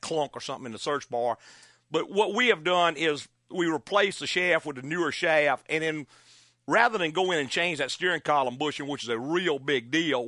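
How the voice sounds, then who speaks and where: A man's voice: fairly high pitch, sharp tone, no echo, studio quality. A man hosting a car call-in radio show, giving folksy, courteous mechanical advice in a conversational way.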